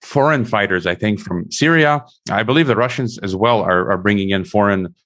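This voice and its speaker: Hosting an interview from a room at home, a man with a lowish, slightly bright voice talks at a moderate pace. He frequently repeats words and restarts his sentences during the discussion.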